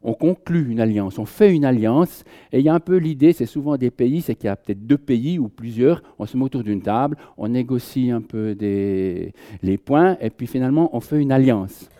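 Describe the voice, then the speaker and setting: A preacher gives an informal Bible teaching to a group in a warm, mid-range, animated voice at a moderate pace. He keeps it conversational, jokes with his listeners, and often restarts his sentences.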